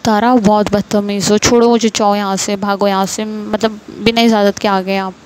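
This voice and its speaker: A woman's voice: medium pitch, little pitch movement, normal speed, a little mellow, natural voice. A woman voicing a shy young woman who protests in a flustered way.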